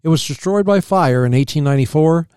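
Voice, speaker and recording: A man, reading local history aloud as a podcast co-host, steady and plain with small slips. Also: fairly high pitch, a little fast, smooth, no room sound, clean studio sound.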